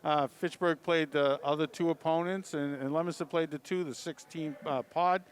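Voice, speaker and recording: A man giving color commentary at a high school basketball game with a New England accent, rambling and full of "uh" fillers. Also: fairly even intonation, normal speed, a little hiss or hum.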